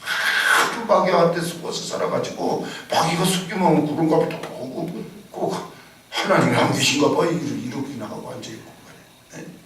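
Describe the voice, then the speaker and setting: A man preaching a Sunday sermon as senior pastor, emphatic and dramatic, firing rhetorical questions at his congregation and sometimes shouting. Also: on the high side, normal speed, a little hiss or hum. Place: church sanctuary. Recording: echoey hall, distant mic.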